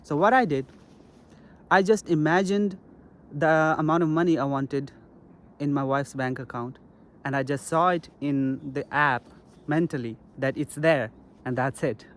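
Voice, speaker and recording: A man's voice: a little high, a little slow, pauses often. A young man from Pakistan talking earnestly to camera in a casual vlog, repeating his key points. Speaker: self-help vlogger.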